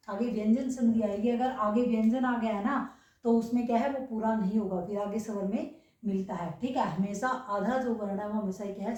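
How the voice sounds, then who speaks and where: A woman's voice: on the high side, a little mellow. Echoey teacher woman asking questions. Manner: repeats rhetorical questions, checks understanding often. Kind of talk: classroom grammar lesson. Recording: echoey room, voice from far off.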